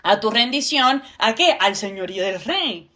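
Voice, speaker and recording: Higher-voiced woman, earnest preacher. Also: animated, moderate pace, sharp tone. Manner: earnest, conversational preaching with rhetorical questions. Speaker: co-host.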